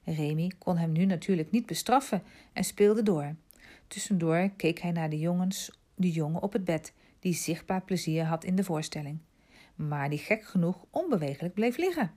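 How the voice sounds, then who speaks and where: A woman narrating a storybook aloud in a calm, soft-spoken way. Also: fairly low pitch.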